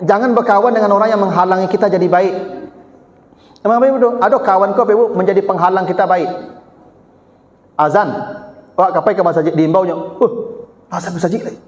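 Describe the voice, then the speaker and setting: A high-pitched man with a Minangkabau accent gives a chatty, teasing sermon. He acts out little everyday exchanges to make his points. His voice rings through a mosque hall with a long, roomy reverb. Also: brisk, long pauses. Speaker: preacher.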